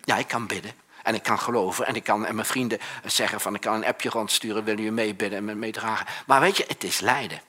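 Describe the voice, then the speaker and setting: A man preaching a sermon in a chatty, animated way, full of restarts and asides. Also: on the low side, quick pace, breathy edge.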